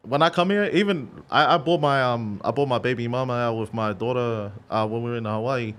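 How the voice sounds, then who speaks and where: A man's voice: mid-range voice, brisk. A man from Australia with an Australian accent, a guest DJ telling stories in a casual podcast interview in a studio. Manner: relaxed storytelling with slangy asides. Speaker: guest DJ and remixer.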